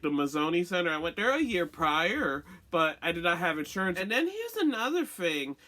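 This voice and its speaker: A woman's voice: fairly low pitch, pushed and bright. A woman with a lisp, as if wearing a retainer, telling a personal story in a blunt, sweary, conversational storytime style. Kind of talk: candid casual storytime rant.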